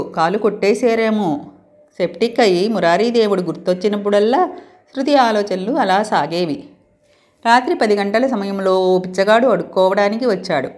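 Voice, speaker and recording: A woman reading a romantic story aloud as the channel's storyteller, expressive and voicing the dialogue with feeling. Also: mid-range voice.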